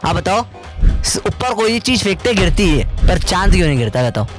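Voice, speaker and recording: A man's voice: sits high, sing-song, a little fast, soft background music. A male physics teacher in playful quiz banter, teasing and insisting every question is simple.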